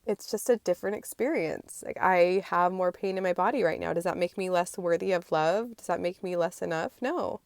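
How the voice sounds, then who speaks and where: A lowish-voiced woman speaks in a casual, reflective monologue to camera. She is sick with a cold, so she sounds congested, as if her nose were pinched, and a little weak. The recording is close and dry, and her manner is earnest. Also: fairly quick, hardly any pauses, dry recording. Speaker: vlogger.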